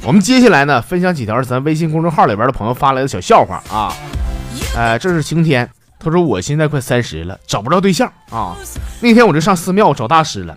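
A man tells jokes in a casual comedy monologue. His pitch sits a little high and leaps all over the place as he acts out the stories. Soft music plays behind him. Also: fast. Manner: animated storytelling with laughs. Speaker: comedy host. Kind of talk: casual joke-telling monologue.

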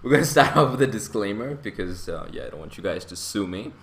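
A man's voice: fairly low pitch, animated, fast, slight background noise. A young man hosting a casual investing podcast, rambling and chuckling often as he talks. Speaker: podcast host.

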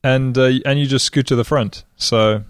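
A man's voice: medium pitch, fairly even intonation, normal speed, clean tone, no echo, studio quality. Emphatic, incredulous male podcast co-host. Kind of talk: casual comedic banter.

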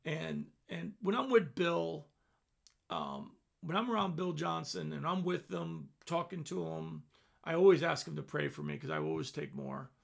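A man speaking earnestly on a devotional podcast, getting emotional and repeating phrases, then easing into a soft, breathy prayer. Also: fairly high pitch, expressive, moderate pace. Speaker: minister on a podcast.

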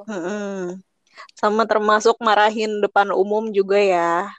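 A woman co-hosting a podcast in a casual chat, talking in a blunt, slangy, animated way. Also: medium pitch, measured pace, no room sound. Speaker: podcast co-host.

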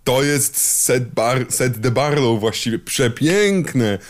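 A man with a medium-pitched voice trades wry, ironic banter with his co-host on a casual film podcast. His delivery stays dry and easygoing. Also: expressive, slow pace.

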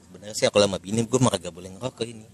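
A man with a slightly low voice hosts a casual podcast. He has a Jakarta accent and talks in informal Jakarta slang with a joking, chatty manner. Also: racing. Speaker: podcast host. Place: coffee shop.

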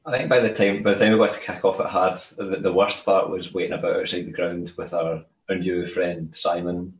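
This Scottish co-host has a deep, steady voice and talks a little fast, rambling casually and repeating words as each thought begins. The podcast recording is roomy, dull and lo-fi, with a little hiss or hum.

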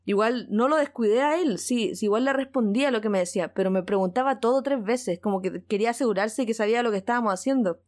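Una mujer con acento chileno que narra una anécdota personal en tono de charla casual, emocionada, repitiendo palabras. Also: female voice, a little high, fast talker, few pauses. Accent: Chilean Spanish. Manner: excited, repeats words, laughs often. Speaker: guest. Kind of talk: casual storytelling.

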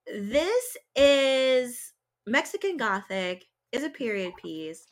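A woman's voice: on the high side, big pitch swings, slow pace. A woman from Georgia co-hosting a podcast, chatting casually and animatedly about TV shows and books, often laughing. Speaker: podcast co-host. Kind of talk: casual chat.

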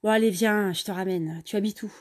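A woman's voice: medium pitch, fairly even intonation, brisk, natural voice. A woman voicing a young man who is a pushy but friendly clubgoer, speaking casually and insistently.

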